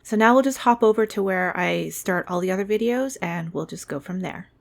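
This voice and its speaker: A woman narrating gameplay in casual commentary, explaining in a relaxed way. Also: mid-range voice, fairly quick, vocal fry, a little hiss or hum.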